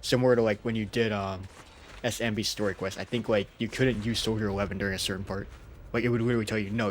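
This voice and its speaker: Though he isn't feeling well, this male streamer keeps up chatty, laugh-filled live commentary on his game, swearing casually and reading story summaries out loud as game music plays. His pitch is fairly low, and there's a bit of background noise.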